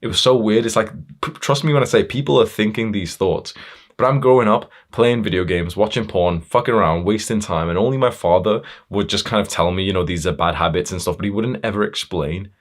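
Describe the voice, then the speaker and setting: Deep-voiced blunt man lecturing. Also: fairly quick. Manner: blunt, confrontational, heavy swearing; fillers and self-restarts, building intensity. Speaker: motivational speaker. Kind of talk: blunt motivational monologue.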